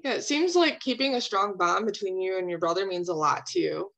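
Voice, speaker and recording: A slightly dull, lo-fi recording carries a woman in a counseling role-play. She speaks as a calm therapist at a middling pitch, reflecting back what she hears and gently asking open questions. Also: brisk, creaky.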